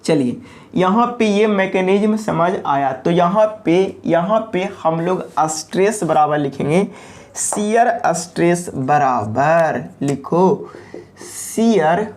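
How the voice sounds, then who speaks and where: A woman giving an engineering lecture, posing questions to the class and answering them herself, repeating key terms slowly. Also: lowish voice, a little mellow.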